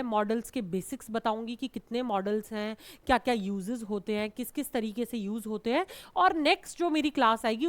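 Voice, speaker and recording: Indian woman grammar teacher, high-pitched, patient explainer, dry recording. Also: no room sound. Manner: explains patiently, calls students "beta"; repeats and checks with "theek hai". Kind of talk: classroom grammar lesson.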